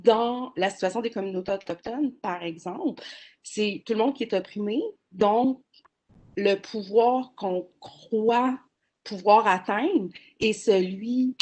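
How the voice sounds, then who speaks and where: A woman's voice: medium pitch, a little mellow. A woman, speaking as a panelist in a webinar over a video call, earnest and explanatory with frequent hesitations. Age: 40s.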